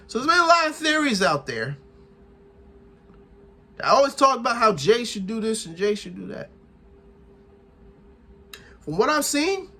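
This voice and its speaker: A young man recapping a wrestling show in casual chat, excitable and often laughing as he acts out what the wrestlers said. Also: sits high, a little hiss or hum.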